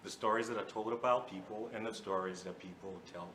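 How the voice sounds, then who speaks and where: A man's voice: fairly low pitch, fairly even intonation, fairly quick, fairly bright tone, roomy sound, a little hiss or hum. A young man from Ghana, a student moderating a Q and A, speaking hesitantly with many fillers. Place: event hall.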